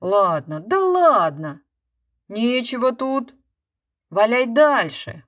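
A woman's voice: fairly high pitch, big pitch swings, takes it slowly, no echo, clean studio sound. A woman voicing a blunt man in a small-town audience, scolding yet friendly.

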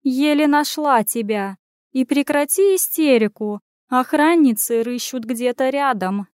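A woman voicing a bossy, sharp-tongued female cat in an audiobook, scolding in quick retorts. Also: high voice, animated, smooth, no echo, studio quality, pitched above the performer's own voice. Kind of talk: audiobook character voice.

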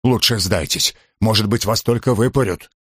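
A hulking slave doorkeeper, slow-witted and nervous, who drawls his words in a voice pitched above the reader's own low one, as a man puts him on for an audiobook. It is recorded dry and close. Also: fairly bright tone, breathy edge, no echo. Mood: tense. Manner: slow and hesitant.

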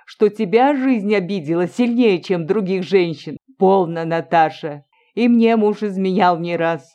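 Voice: mid-range voice, unhurried, warm tone, lo-fi sound, lightly acted. A reader voicing a pleading pious old woman. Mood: reproachful. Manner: earnest, imploring. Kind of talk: audiobook reading.

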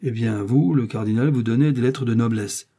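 A man's voice: medium pitch, normal speed, warm tone, breathy edge. A man reading aloud and voicing a foolish, eager middle-aged shopkeeper who is keen to please.

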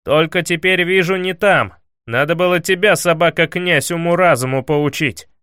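A man doing a loud brash young fool of a hero. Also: on the high side, moderate pace, clean tone, no echo, studio quality, voice pushed up, lightly acted. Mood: indignant. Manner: loud declaiming, pompous outbursts. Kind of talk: audiobook character voice.

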